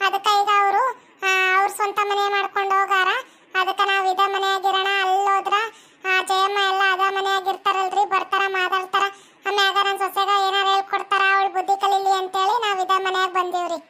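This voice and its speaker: A woman playing an older village mother in a comedy sketch, nagging and scolding. The voice is very high, thin and bright. It stays flat in tune. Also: a little hiss or hum.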